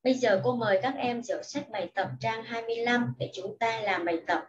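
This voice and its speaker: A woman teaching young children English in a slow, patient lesson, reading each sentence and explaining it in Vietnamese. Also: fairly high pitch, far from the mic, muffled recording. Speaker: primary school English teacher.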